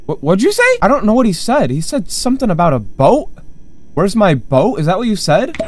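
A man's voice: high voice, wildly swooping pitch, a little fast, a little mellow, faint music behind. A man hosting a horror game let's play, confused and jumpy, talking to himself as he plays. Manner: jumpy, confused, talks to himself while playing. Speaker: gaming channel host.

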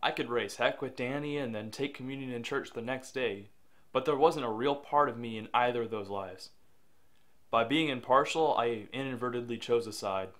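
A young man playing a troubled young man who narrates quietly and with regret, and who snaps back in family arguments. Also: medium pitch, moderate pace, lightly acted. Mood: regretful. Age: young adult. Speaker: lead actor and narrator. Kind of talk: reflective voice-over narration and dialogue.

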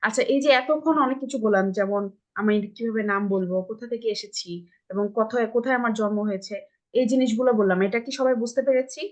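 Fairly high-pitched and quick, a woman with a Bangladeshi accent leads a live English lesson for kids on a video call. She repeats model phrases patiently and makes sure all the children follow along.

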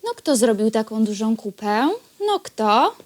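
Woman doing doting mom cooing at a baby, slow baby talk, really singsong, comedy skit. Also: on the high side, sing-song, darkish tone. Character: doting young mother fussing over her baby. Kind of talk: comedy sketch acting.

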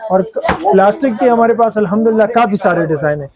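Guy selling trays in a crowded shop, high voice, market chatter all around. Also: fast talker. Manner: eager salesman's patter, often says "alhamdulillah". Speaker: shopkeeper. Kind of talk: showing products to a customer.

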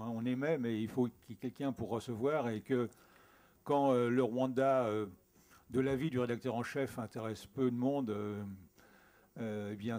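An older man moderating a conference panel in a large auditorium, telling a story in a relaxed, wry way into a table microphone. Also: medium pitch. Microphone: table microphone on gooseneck.

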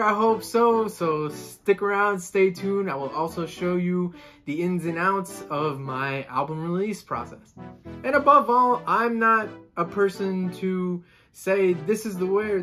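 A young Colombian-born man in his twenties, a saxophonist who vlogs, chats casually to a camera set in front of him while seated in a room at home, gesturing with both hands. His voice sits high with a fairly bright tone.

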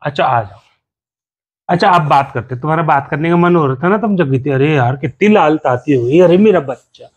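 A man's voice: a little high, a little fast, dull audio. A young man hosting a home prank video on his wife, pleading and teasing with a laugh in casual banter.

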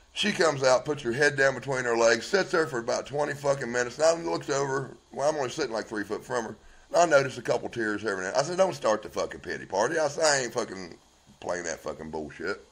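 A blunt man speaks into a phone at arm's length, swearing in nearly every line as he recounts a story. He acts out both sides of past arguments in a rough, working-class way of talking. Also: mid-range voice. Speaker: man telling his story on a live video. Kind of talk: raw, heavily profane personal account. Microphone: phone held at arm's length.

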